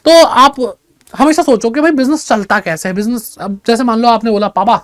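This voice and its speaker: A man teaching an energetic class. He asks his students questions, answers them himself, and calls them "beta". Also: extremely high pitch, brisk, no echo. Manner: chatty, mixes in English terms.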